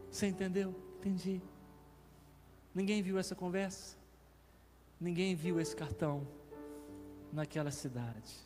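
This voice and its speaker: A man's voice: on the high side, in a large hall. A male pastor with a Brazilian Portuguese accent, telling a testimony in a sermon, with emotional swells. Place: church.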